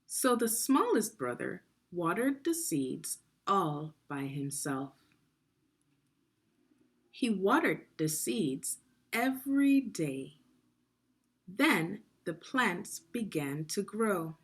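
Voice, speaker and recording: A woman teacher reads a story aloud to children, expressive, deliberate and instructional, stopping for guiding questions. Her voice is fairly low in pitch and slightly rough.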